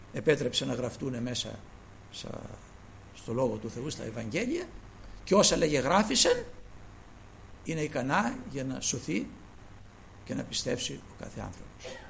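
Gravelly preacher guy, high voice swinging all over, a bit of hiss behind. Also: low-quality recording. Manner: addresses listeners as brothers, swings between soft asides and loud emphasis. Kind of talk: sermon.

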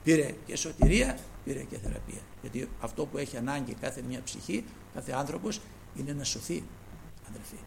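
A man preaching a sermon, addressing his listeners as brothers and moving between quiet asides and loud emphasis. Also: mid-range voice, very animated, creaky, slight background noise, poor audio.

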